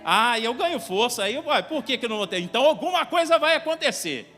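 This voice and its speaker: A male pastor with a Brazilian Portuguese accent delivers a fervent sermon, hammering the same phrases and rising into shouts. His voice sits very high for a man and rings sharp and forceful. It carries a long church reverb over faint music. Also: big pitch swings, fast talker. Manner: fervent, repetitive preaching that builds to shouted peaks. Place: church sanctuary.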